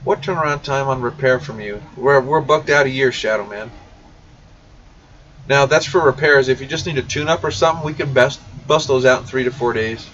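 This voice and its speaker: Brisk and a bit bright, this medium-pitched man is the host of a CB radio shop livestream, reading audience questions aloud during a casual Q&A. He addresses viewers directly, bluntly and informally. Faint background noise and a muffled, distant mic mark the audio.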